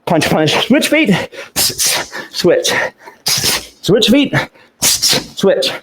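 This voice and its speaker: A man's voice: high voice, very animated, very slow, a bit bright, rough recording. A man coaching a boxing workout, calling short punch combinations in rhythm with effort in his voice as he hits a punching bag. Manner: exerting himself, with grunts and puffed exclamations.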